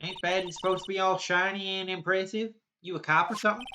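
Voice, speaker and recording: A woman voicing a brash, touchy southern woman photographer in a video game, with an exaggerated Southern drawl and a loud, folksy, combative manner. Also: mid-range voice, steady tone, a little fast, a little hiss or hum, voice pushed up, lightly acted. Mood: feisty. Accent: exaggerated American Southern drawl, put on.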